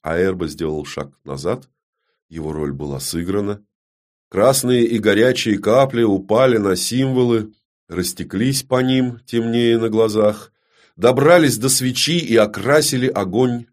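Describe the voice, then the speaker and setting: A man narrating a dark fantasy audiobook in a measured, grave storytelling manner that often drops to a hush. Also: fairly low pitch.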